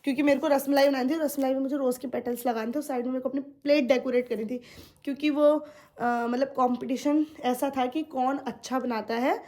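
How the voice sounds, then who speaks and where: A young woman with a high voice talks straight to her viewers in a casual vlog. She vents with indignation and circles back over the same points. Her tone stays direct and aggrieved throughout. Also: fairly even intonation, a little fast, mellow. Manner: indignant, repeats herself, addresses viewers directly. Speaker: vlogger. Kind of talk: casual venting monologue to viewers.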